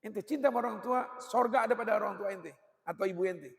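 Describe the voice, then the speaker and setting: A man's voice: sits high, fast, gravelly, fairly bright tone. A man preaching a colloquial sermon, blunt and joking, in street slang. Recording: long hall reverb.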